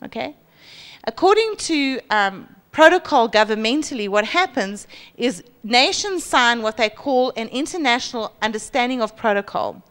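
High-voiced South African woman preaching. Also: normal speed, clean tone. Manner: lively, acts out boastful voices with high pitch jumps. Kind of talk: sermon. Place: large church hall stage. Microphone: handheld mic.

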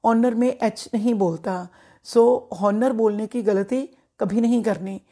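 A middle-aged woman teaches English pronunciation, taking her time over every word. Her voice is warm and mellow, and she speaks slowly and deliberately, repeating each example so it sinks in. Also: a little high, steady tone. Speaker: English teacher, former principal. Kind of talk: pronunciation lesson in Hindi.

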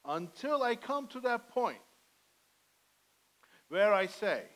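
A man's voice: sits high, very animated, takes it slowly, fairly bright tone, poor audio. A middle-aged man preaching a sermon from a church pulpit, earnest and pleading, on a headset mic. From Armenian heritage. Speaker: pastor. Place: church sanctuary, indoors, medium size.

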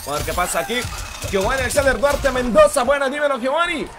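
A man's voice: very high-pitched, animated, fast talker. A man streaming a fighting game, hyped and slangy, casually thanking viewers and calling out the action. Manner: hyped, slangy, repeats shout-outs. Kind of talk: casual live-stream commentary. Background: game music.

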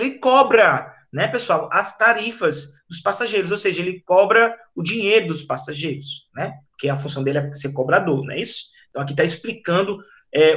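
A Brazilian man from Rio Grande do Norte, with a high, bright voice, teaches an online English class. He's chatty and explanatory, constantly checking that students are keeping up.

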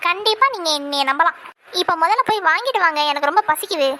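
A woman's voice: very high-pitched, expressive, fast, sharp tone, a little hiss or hum, full character voice. A woman voicing a cheeky, greedy young woman held captive in a cartoon, chirpy and wheedling as she rattles off long lists. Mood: sweet-talking. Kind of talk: cartoon voice acting.

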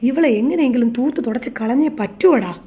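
A woman's voice: a little high, brisk, mellow, lightly acted. A woman reading the lines of a scheming, scornful middle-aged mother-in-law. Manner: scornful, sneering. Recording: slightly dull lo-fi recording.

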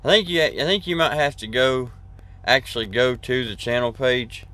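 In a bright, pushed mid-range voice at a normal speed, a trucker vlogger chats to a camera held at arm's length. He's parked in his truck cab, talking casually and loosely, with lots of fillers and restarts.

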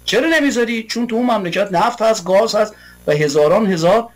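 A man with a high-pitched voice delivers a heated political monologue. He argues rhetorically, piling up long repeated lists. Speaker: political commentator.

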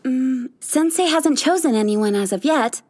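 Perky, very high-voiced young anime woman. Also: lively intonation, a little slow. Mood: cheerful. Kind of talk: anime dub acting. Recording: loud background music.

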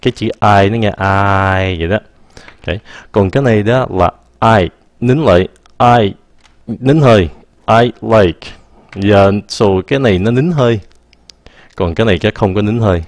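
A man, teaching English in a casual, patient lesson and repeating example phrases slowly. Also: fairly low pitch, dry recording.

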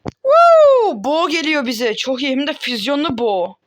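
High-voiced playful male gamer. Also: lively intonation, normal speed, fairly bright tone. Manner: playful, exaggerated, jokey trash talk at opponents. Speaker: gaming video host. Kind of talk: casual gameplay commentary.

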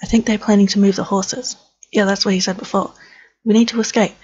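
A worried, cautious father from a horse game, read out by a woman in her own voice, earnest and pressing. Middle pitch, with a slightly dull, lo-fi home recording. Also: level tone, fairly quick, darkish tone, a little hiss or hum, close to an everyday voice.

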